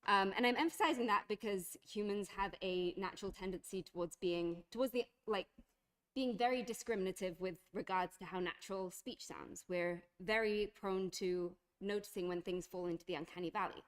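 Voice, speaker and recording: A woman's voice: medium pitch, moderate pace, a bit bright. A woman giving a university lecture, explaining step by step with frequent fillers and restarts.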